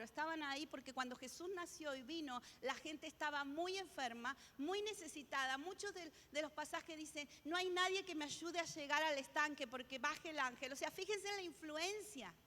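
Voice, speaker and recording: High-voiced woman preaching in a hall. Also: pushed and bright, a little hiss or hum. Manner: emphatic, repeats key phrases, many restarts. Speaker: pastor. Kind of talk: sermon.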